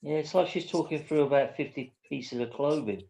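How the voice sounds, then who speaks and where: A man's voice: fairly high pitch, fairly quick, creaky, warm tone, poor audio. A man with a British accent chatting casually, with a blunt, insistent way of talking. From Britain. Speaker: guest on a live open-topic stream. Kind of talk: casual chat.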